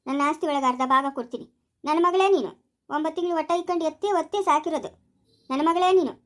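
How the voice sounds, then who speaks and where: A woman's voice: high voice, rapid-fire, fairly bright tone. A woman with a rural Chikkaballapur Kannada accent playing a stern mother who runs a small village shop, talking in a blunt, scolding way in an amateur family skit. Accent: rural Kannada of the Chikkaballapur area.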